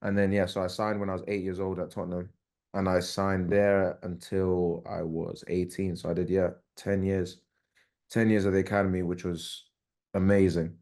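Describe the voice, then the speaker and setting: A man's voice: low voice, moderate pace. A young man with a London accent, a professional soccer player being interviewed, talking in an easygoing way with plenty of filler words. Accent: London English. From England. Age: young adult. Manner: relaxed, easygoing, uses fillers like "like" and "um". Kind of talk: casual interview.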